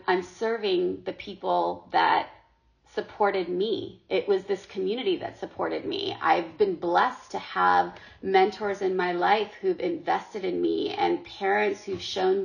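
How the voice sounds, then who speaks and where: The podcast guest here is a middle-aged Sri Lankan woman with a fairly low, creaky voice. In a relaxed interview she speaks with earnest conviction, repeating words as she goes, over muffled lo-fi sound.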